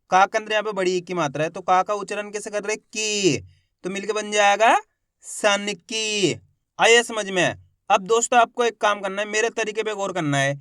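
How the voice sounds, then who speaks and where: A man teaching Hindi reading, sounding out syllables slowly and addressing viewers as friends. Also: sits high, fairly bright tone, no echo, studio quality. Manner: slow drawn-out syllables when sounding out words. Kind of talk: spoken lesson to camera.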